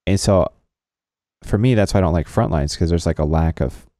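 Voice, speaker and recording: A man's voice: deep voice, a little fast, mellow, no room sound, studio quality. A man co-hosting a casual gaming podcast, laid-back and joking. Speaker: podcast co-host.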